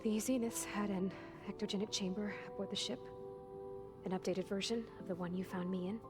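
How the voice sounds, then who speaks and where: With music underneath, a woman performs video game dialogue as a young clone who is anxious and defensive. She speaks briskly at medium pitch, fairly even in intonation and close to everyday voice, sounding guarded and subdued with clipped, formal, exact phrasing.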